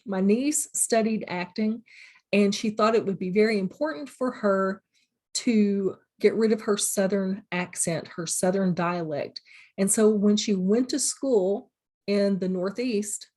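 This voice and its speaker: A woman's voice: mid-range voice, measured pace, darkish tone. A middle-aged woman, a college instructor, giving a recorded lecture in a plain, practical way, with examples from her own classroom.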